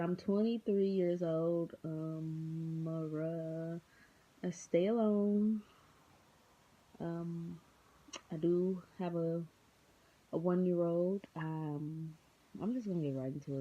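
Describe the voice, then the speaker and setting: Tired, rambling young woman vlogging. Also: low voice. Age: 20s. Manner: rambling, unscripted, many filler ums; goofy. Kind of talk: casual vlog chat. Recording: dull lo-fi sound.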